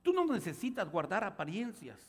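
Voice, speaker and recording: A man pastor preaching a sermon, telling stories and acting out the voices, building to loud outbursts. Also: sits high, wildly swooping pitch, moderate pace. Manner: storytelling preacher, acts out voices, rises to shouts. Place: church sanctuary. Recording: church hall reverb.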